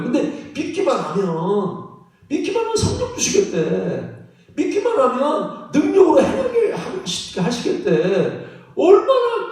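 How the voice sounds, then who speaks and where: A man preaching a sermon as pastor, animated and laughing often, often checking in with the congregation. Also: high-pitched. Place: church sanctuary. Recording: echoey church hall from far off.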